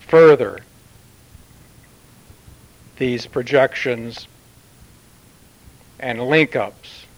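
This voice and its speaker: A man channeling a solemn male Martian commander who addresses Earth in formal, measured pronouncements with long pauses. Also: medium pitch, low-quality recording. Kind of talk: channeled spiritual message.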